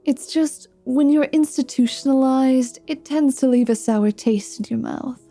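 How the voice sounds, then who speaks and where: In a fantasy ASMR audio roleplay, a woman voices a sardonic, world-weary and slightly unhinged female half-vampire mercenary. Her mellow, slightly high voice moves slowly, and her delivery is teasing, dry and theatrical, with a wry, playful mood. Faint music plays behind her.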